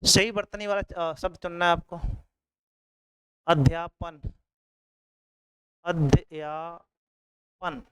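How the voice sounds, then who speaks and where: A man's voice: sits high, little pitch movement, a little fast, pushed and bright, clear, resonant tone, low-quality recording. A man teaching an exam coaching lesson, repeating each word and often checking in with his students.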